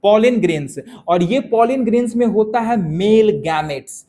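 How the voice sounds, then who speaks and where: High-voiced male teacher drilling a class. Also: lively intonation, moderate pace, dark tone, slight background noise. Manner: drills students with call-and-response questions; scolds students sharply when they laugh. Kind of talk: classroom lecture. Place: classroom with students.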